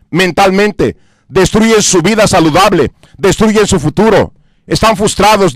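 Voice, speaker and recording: A man's voice: fairly high pitch, no echo. A Mexican man and pastor giving an earnest radio sermon, repeating and listing his points with emphasis. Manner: earnest, repetitive preaching with emphatic lists. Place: radio studio.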